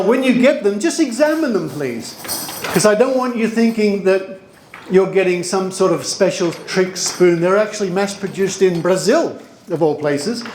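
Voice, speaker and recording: A middle-aged Australian man works a conference crowd with quick, jokey showman patter. His voice sits a little high, and a faint hiss runs under the hall sound. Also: a little mellow. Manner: jokey, chatty showman, breaks into laughs. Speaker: skeptic presenter on stage. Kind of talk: live conference talk with audience participation. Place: conference hall before a live audience.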